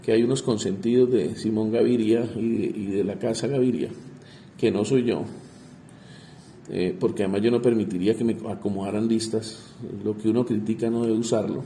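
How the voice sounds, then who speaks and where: A man, a congressman answering interview questions in a halting way, often repeating words as he searches for them. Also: lowish voice, fairly even intonation, mellow, a little hiss or hum.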